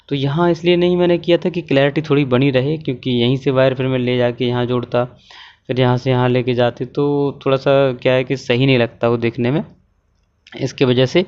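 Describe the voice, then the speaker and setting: Man, electronics tutorial, patient step-by-step explanation, mid pitch, slightly dull lo-fi sound. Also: darkish tone. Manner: patient, repeats points, many "ah" fillers. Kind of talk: explaining a circuit diagram step by step.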